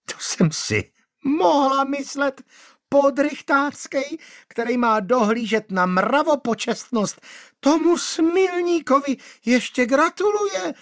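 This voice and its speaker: A man voicing an angry widow who shrieks and scolds her deceitful suitor in a shrill voice. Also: big pitch swings, fairly bright tone. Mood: shrill, scolding. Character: shrieking, furious middle-aged widow, woman. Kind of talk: audiobook character voice.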